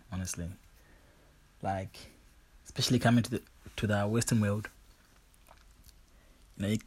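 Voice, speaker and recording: A young Zimbabwean man hosts his own podcast, talking casually about his life in a personal monologue. His voice sits on the low side and sounds husky, and he's relaxed and rambling, with frequent fillers like "you know".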